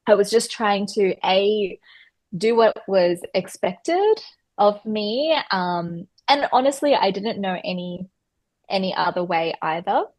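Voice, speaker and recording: A woman, telling her story as a podcast guest in an animated, chatty way with many fillers. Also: medium pitch, slow pace, dry recording. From Australia. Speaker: guest, personal stylist.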